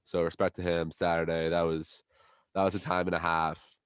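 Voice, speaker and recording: Young man, podcast host, deep voice, dry close sound, joking crude banter. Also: flat delivery, normal speed, clear, resonant tone, no echo. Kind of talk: casual chat. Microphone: video call.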